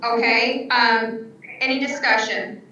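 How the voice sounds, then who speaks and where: A woman chairing a public board meeting over a video call, running motions in a brisk, procedural way. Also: on the high side, fairly even intonation, bright, forceful tone, slight background noise. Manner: brisk, procedural, slightly unsure. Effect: remote video call audio. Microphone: computer mic on a video call. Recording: dull, echoey, distant call audio.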